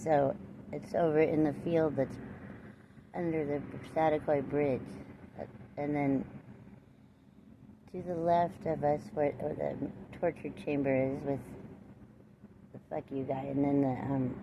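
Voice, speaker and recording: Agitated low-voiced woman, swearing outdoors. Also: creaky. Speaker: vlogger. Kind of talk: rambling casual monologue. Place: outdoors near a road. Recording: muffled recording with loud traffic noise.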